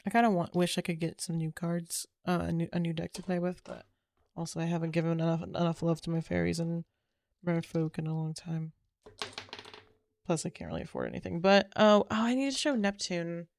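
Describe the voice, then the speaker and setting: A woman streamer chats casually after a game in a lowish, steady, slightly fast voice with vocal fry and a darkish tone. She rambles, trails off and corrects herself as she goes.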